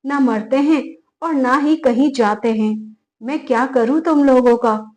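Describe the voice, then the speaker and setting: A woman voicing a bullying young daughter-in-law who shouts, scolds and threatens her in-laws. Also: sits high, a little slow. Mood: angry scolding.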